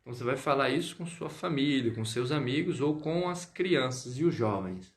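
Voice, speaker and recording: A man teaching French in a live online lesson, greeting viewers and drilling pronunciation slowly. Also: medium pitch, animated, echoey room. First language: Portuguese.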